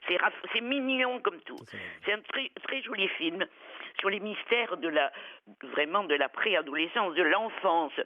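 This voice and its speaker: A woman's voice: medium pitch, moderate pace, dry recording, highs cut off. A woman film critic giving blunt, irreverent reviews on a radio talk show, with salty language.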